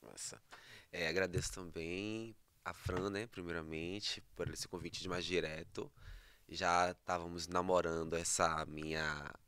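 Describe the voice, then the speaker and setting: A man, a math educator and guest on a podcast, talking in a relaxed way with restarts. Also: sits low, measured pace, clean tone, dry recording. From Salvador, Brazil. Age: 30s. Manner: relaxed, with restarts and tag questions. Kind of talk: casual podcast conversation.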